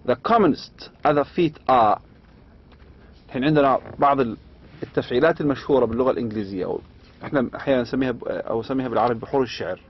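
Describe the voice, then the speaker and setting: A man with an Arabic accent lecturing on poetry, reading slowly and adding quick asides. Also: mid-range voice, slightly rough. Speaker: university lecturer. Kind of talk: lecture explaining English meter, mixing English and Arabic. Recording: dull lo-fi lecture recording.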